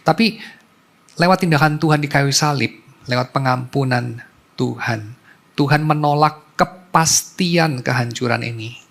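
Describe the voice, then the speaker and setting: A man's voice: mid-range voice, measured pace, gravelly, fairly bright tone. A man preaching a sermon as a pastor, in a conversational storytelling way, mixing in English terms.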